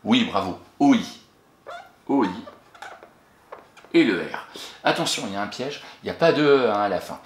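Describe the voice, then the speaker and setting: Male primary teacher, animated and encouraging, spells words out slowly, echoey room with light hiss. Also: fairly low pitch. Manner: encouraging, talks to an absent pupil and pauses for answers. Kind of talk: recorded spelling lesson for a child. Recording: echoey room with faint noise.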